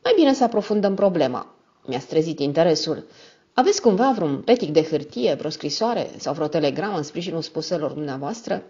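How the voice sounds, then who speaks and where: A woman's voice: sits low, expressive, mellow, husky, lo-fi sound, full character voice. A woman voicing an irascible, hostile old male professor who speaks harshly and raises his voice. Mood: cold.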